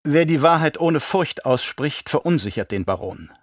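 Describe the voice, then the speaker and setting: A man's voice: a little high, expressive, moderate pace, dry recording, studio quality, voice pushed up, lightly acted. A man doing a smug, taunting advisor. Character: sly, mocking male assassin advisor, adult.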